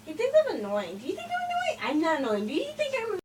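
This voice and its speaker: A woman's voice: wildly swooping pitch, racing, recorded from a distance, noisy background. A woman voicing a whiny, squealing puppet who frets about being annoying. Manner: shrill, wailing and giggly.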